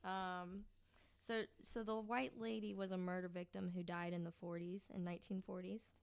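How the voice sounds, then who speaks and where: A woman with a fairly low, creaky yet smooth voice tells stories as a podcast guest, speaking at normal speed with a flat delivery. She sounds casual and hesitant, as if piecing details together while reading, and the audio has no echo.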